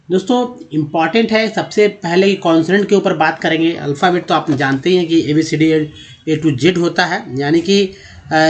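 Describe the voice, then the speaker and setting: A man teaches a spoken English lesson. He goes through it step by step and keeps checking in with the viewer. He often repeats himself to make each point stick. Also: a little high.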